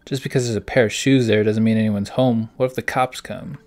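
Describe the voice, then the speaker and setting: A man's voice: lowish voice, fairly even intonation, a little fast, a little mellow, soft background music. A man, the host of a gaming channel, playing through a story game, reading its text aloud and reacting in puzzled asides. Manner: reads dialogue aloud in a plain voice between puzzled asides.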